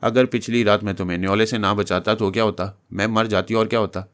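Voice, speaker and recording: A man narrating an Urdu novel aloud in a deep, steady storytelling voice. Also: quick pace, clean tone. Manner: deep, steady storytelling voice reading all parts.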